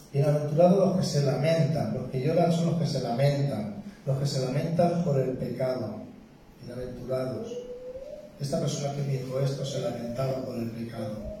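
A man preaching a sermon with a Spain Spanish accent, earnest and emphatic, swinging between loud declarations and hushed words. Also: medium pitch, slight background noise. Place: church. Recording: very roomy church hall from a distance.

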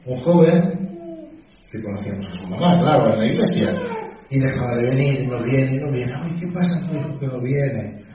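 Pastor preaching in an echoey hall. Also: male voice, mid-range voice, mellow, slight background noise. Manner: conversational, frequent "¿sí?" and "¿sabes?" asides. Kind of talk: sermon with personal anecdote. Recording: dull distant echoey church hall.

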